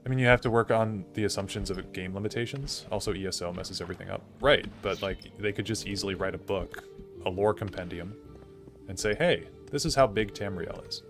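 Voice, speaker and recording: Soft background music accompanies this gaming streamer, a young man with a low, steady voice who speaks fairly quickly. He thinks aloud and replies to chat in a relaxed way, dropping "like" constantly.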